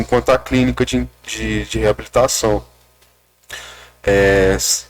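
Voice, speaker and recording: Hesitant young man, lowish voice. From Minas Gerais, Brazil. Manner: hesitant, many restarts and pauses. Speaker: interviewee in rehab. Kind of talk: casual personal account. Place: rural rehab center.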